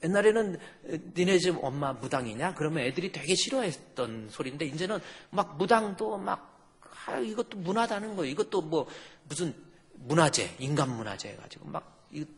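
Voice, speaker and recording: A man's voice: a little high, lively intonation, fairly quick, husky. A middle-aged male pastor giving an emphatic sermon and acting out churchgoers' stubborn replies. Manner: emphatic preaching, acts out churchgoers' retorts. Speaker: senior pastor. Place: church sanctuary. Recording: long echo in a church hall.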